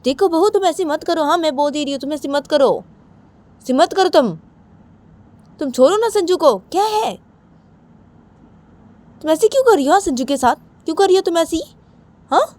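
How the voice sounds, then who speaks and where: A woman voicing an elderly grandmother who scolds her granddaughter-in-law over and over in a shrill, insistent voice. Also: lively intonation, moderate pace, pauses often, a little mellow. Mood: scolding.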